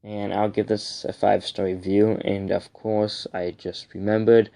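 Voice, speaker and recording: A young man giving a casual, rambling review vlog, with a speech impediment that turns r into w and softens l. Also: lowish voice, level tone, creaky. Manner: halting, rambling, repeats and restarts phrases. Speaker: comic book reviewer.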